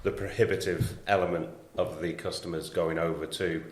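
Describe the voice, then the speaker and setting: Here a man speaks in a low voice that stays flat and even, rarely rising or falling. His humour comes across dry, and the echo of the studio room surrounds his voice. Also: moderate pace. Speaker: podcast co-host. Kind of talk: casual podcast chat.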